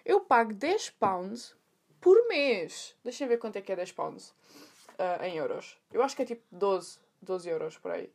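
A woman's voice: medium pitch, a little slow, slightly rough. A young woman with a European Portuguese accent, telling a story in a chatty, slangy monologue. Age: young adult. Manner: chatty, animated, full of slang and asides. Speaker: podcast host.

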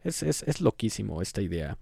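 A man's voice: fairly low pitch, big pitch swings, a little fast, gravelly, dark tone, husky, dry recording, studio quality. A man with a Mexican Spanish accent hosting a casual solo podcast, giving rambling, opinionated commentary with frequent fillers and self-corrections. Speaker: podcast host.

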